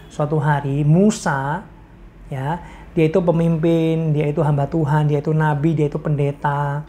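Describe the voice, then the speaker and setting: Low and dark-toned, the voice of this woman preacher from Indonesia comes with a little hiss or hum in the recording. Her devotional talk is relaxed and playful, with frequent laughter and bits of English slang.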